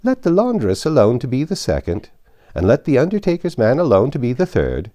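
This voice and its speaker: A man's voice: mid-range voice, huge pitch swings, brisk, dark tone, no echo, pitched above the performer's own voice. A man voicing a brazen working-class charwoman, bold and colloquial, in a storybook reading. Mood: brazen, defiant.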